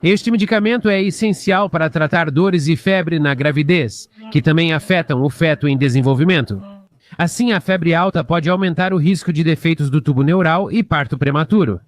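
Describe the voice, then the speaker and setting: A man's voice: fairly high pitch, normal speed. A man commenting over news clips in a sarcastic, mocking way.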